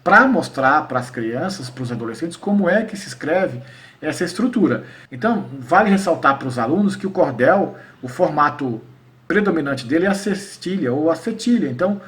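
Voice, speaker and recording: His pitch is fairly high and his tone fairly bright, though the mic sits far away. A cordel poet from Paraíba speaking with a Northeastern Brazilian accent, he explains poetry informally to educators, recites verses slowly, and frequently drops in "né?" and "tá?" to see if they're following.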